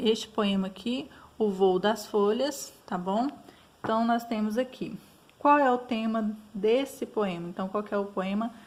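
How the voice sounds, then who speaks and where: Patient Brazilian teacher woman. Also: mid-range voice. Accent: Brazilian Portuguese. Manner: patient, frequent fillers and checks like "tá bom?". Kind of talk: explaining school exercises.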